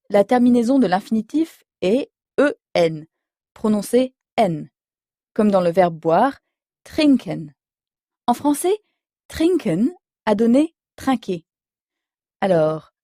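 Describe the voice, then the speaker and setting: Woman teacher on an audio lesson, kinda high but mellow voice, slow careful explaining, dry close recording. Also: sing-song, no echo. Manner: slow, clear explanations with spelled-out letters. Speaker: language teacher.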